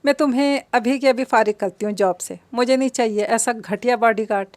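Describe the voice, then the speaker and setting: Spoiled, hot-headed young heiress, read by a woman, bossy and shrill, light voice, dry close read. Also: brisk, dry recording, lightly acted. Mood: furious.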